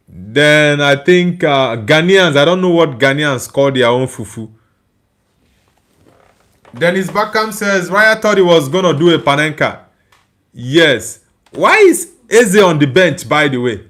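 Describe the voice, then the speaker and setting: A young man from Nigeria streams a live football watchalong, chatting casually about the match and laughing as he reads viewer comments. His voice is on the high side, a bit bright, with lively intonation and an unhurried pace.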